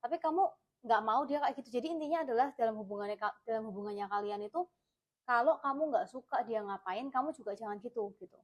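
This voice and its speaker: Woman, Indonesian accent, tarot reader, casual, chatty, repetitive, slightly high voice. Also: quick pace. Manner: chatty, repeats herself, many fillers. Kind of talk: casual pick-a-card tarot reading.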